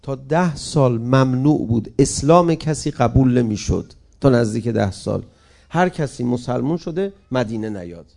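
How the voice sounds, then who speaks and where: A male preacher delivers an emphatic sermon, speaking straight to his congregation. His voice sits at a middle pitch with a gravelly fry running through it. He shifts into a mournful recitation style. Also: expressive, darkish tone. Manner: emphatic, addresses the congregation directly.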